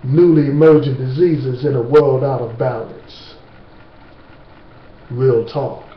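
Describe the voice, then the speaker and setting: A man giving an informal lecture to camera, slow and emphatic, with blunt street-talk asides. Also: medium pitch, steady tone. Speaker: speaker on natural remedies. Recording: distant, roomy, dull with faint hiss.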